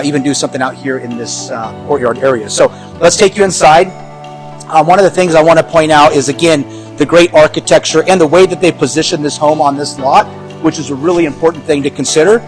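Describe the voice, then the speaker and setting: A man's voice: a little high, rough recording. A man giving a casual house tour as a real estate agent, chatty and upbeat with lots of fillers and easy laughs. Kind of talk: casual walkthrough commentary. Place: inside a large house.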